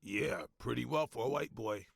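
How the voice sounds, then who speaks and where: Raspy, chatty older gym worker. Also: male voice, medium pitch, normal speed, no echo, clean studio sound. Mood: gossipy, lively. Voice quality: raspy, gravelly.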